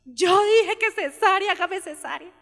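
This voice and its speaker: A woman voicing a panicked young woman in labor who keeps pleading in a shrill, frantic voice. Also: unhurried, gravelly, a bit bright, exaggerated voice. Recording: long church-hall reverb.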